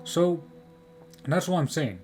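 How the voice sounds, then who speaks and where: A man's voice: fairly high pitch, expressive, slow, a little mellow. A man giving opinionated video game commentary, emphatic and repetitive, often posing rhetorical questions. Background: music.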